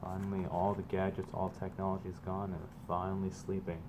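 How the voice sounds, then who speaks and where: Deep-voiced and monotone, a man reads a children's book a little fast, teacher-style, moving between emphatic sing-song lines and casual explanations for his students. There's clear background noise.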